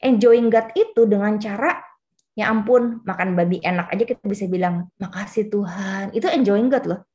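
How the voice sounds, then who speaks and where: A woman's voice: medium pitch, a little fast, dark tone. A woman in her late forties, a pastor giving a chatty, personal youth fellowship sermon with frequent fillers. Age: 40s.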